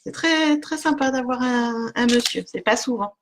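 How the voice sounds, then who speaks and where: A woman's voice: fairly high pitch, moderate pace, a little hiss or hum. A woman giving an oracle card reading on a live stream, chatting with viewers by name, with lots of fillers and little laughs.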